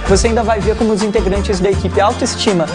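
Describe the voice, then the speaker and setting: A TV host presenting a school cooking challenge, talking directly to the students in a lively way. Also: medium pitch, fast talker, music in the background. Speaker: TV show host.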